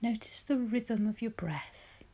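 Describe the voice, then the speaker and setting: A woman leading a guided relaxation meditation in a soft, breathy spa-like whisper, soothing and gentle, with long pauses. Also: a little high.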